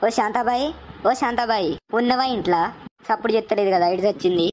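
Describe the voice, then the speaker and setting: Gossipy village neighbor, played by a woman, loud, chattering, fast. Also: medium pitch, dull audio, a little hiss or hum, natural voice.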